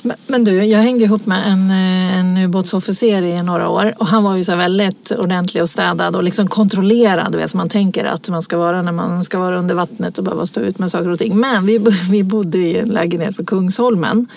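A woman's voice: lowish voice, fairly even intonation, vocal fry, few pauses, darkish tone. A woman in casual chat, telling personal stories and laughing as she talks. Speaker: podcast co-host.

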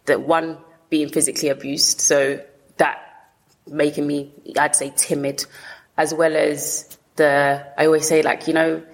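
A woman's voice: low-pitched, little pitch movement, a little slow. A woman with a south London accent telling her own story candidly in an interview, in colloquial, often rephrased bursts. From south London, England. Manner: colloquial, talks in short bursts with frequent rephrasing. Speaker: interview guest.

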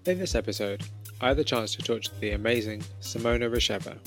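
A man hosting an art interview podcast, measured in his intro and relaxed and keen in conversation. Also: medium pitch, faint music behind. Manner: scripted, measured intro then relaxed, enthusiastic chat. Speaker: podcast host.

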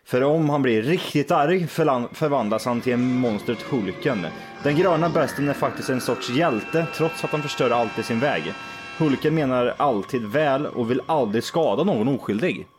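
A man's voice: medium pitch, expressive, over music. A man co-hosting a casual podcast, reading out a top ten list and laughing often. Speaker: podcast co-host.

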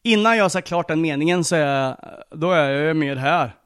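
A man co-hosting a podcast in quick, teasing casual chat, with a Stockholm accent tinged with Östergötland. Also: a little high, a bit bright, smooth. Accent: mix of Stockholm and Östergötland Swedish. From Linköping, Sweden. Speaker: podcast co-host.

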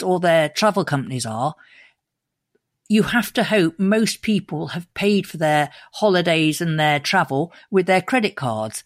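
A woman's voice: lowish voice, no echo, studio quality. British woman giving conversational expert advice. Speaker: money expert guest.

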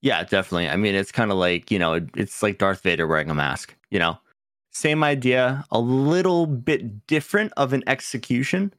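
A man's voice: fairly low pitch, fairly quick, a bit bright, no echo, studio quality. A man co-hosting a podcast in casual chat, laughing often and swearing casually. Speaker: podcast co-host.

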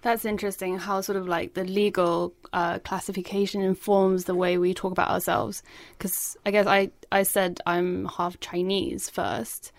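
A woman co-hosting a podcast, talking in a thoughtful, measured way. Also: mid-range voice, little pitch movement, creaky, dry recording. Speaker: podcast host. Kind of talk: casual chat.

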